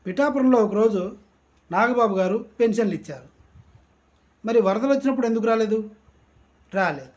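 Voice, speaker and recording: A man's voice: high voice, animated, moderate pace, pauses often, a little mellow. A man from Andhra Pradesh giving satirical political commentary in a mocking, sarcastic ranting way.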